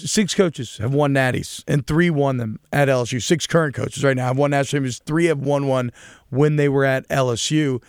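A man's voice: a little high, dry recording, clean studio sound. A man co-hosting a casual sports talk show, chatty and joking. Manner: chatty, joking, rambling with restarts. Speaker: sports podcast co-host.

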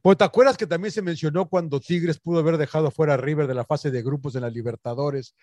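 A man's voice: fairly high pitch, fast, darkish tone, no room sound. A man co-hosting a casual sports talk show, teasing the others with crude banter. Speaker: podcast co-host.

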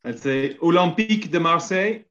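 A man's voice: fairly high pitch, lively intonation, fairly quick, a bit bright, highs cut off. A Northern Irish man bantering casually as a contestant in a football podcast quiz. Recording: distant from the microphone.

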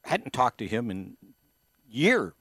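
A man co-hosting a sports podcast. He chats casually and tells anecdotes, often restarting his sentences. His voice sits mid-pitch and sounds dry and close on a studio mic. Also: big pitch swings, slow pace, pushed and bright, no room sound. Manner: storytelling, many false starts. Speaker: podcast co-host.

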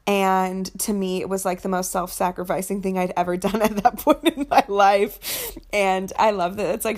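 A young woman telling a childhood story in casual chat, animated and profane, laughing often and squealing when she acts out her younger self. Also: mid-range voice.

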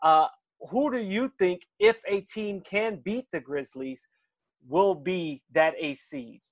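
Man co-host, reads odds and steers the chat, fairly high voice, dry close sound. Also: expressive, takes it slowly, dry recording. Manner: leads the talk, reads odds, asks questions. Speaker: sports betting podcast co-host. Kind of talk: casual sports chat.

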